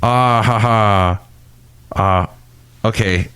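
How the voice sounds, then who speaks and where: A man's voice: fairly low pitch, steady tone, very slow, a bit bright, clear, resonant tone. A male podcast host talking with a canyon-like echo effect from his mixer on his voice, playfully showing it off outdoors beside a cafe. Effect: echo effect from a mixer, canyon-like reverb. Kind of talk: casual podcast chat.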